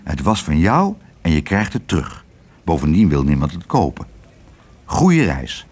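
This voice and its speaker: A man reading aloud, voicing a kindly old shopkeeper in a gentle tone. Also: sits low, huge pitch swings, a little slow, slightly rough, voice pushed down, exaggerated voice.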